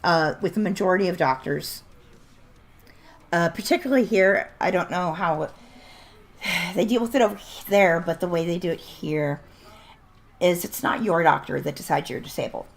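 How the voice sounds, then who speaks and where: A woman with a lowish, creaky voice talks at a moderate pace, with long pauses in between. It's casual, blunt livestream chat during gaming, with lots of laughter and a voice that's starting to give out.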